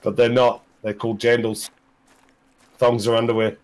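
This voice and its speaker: A man's voice: medium pitch, flat delivery, moderate pace. A man from New Zealand with a New Zealand accent, chatting casually and joking on a hunting game stream. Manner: joking, laughs often. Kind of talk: casual gaming chat.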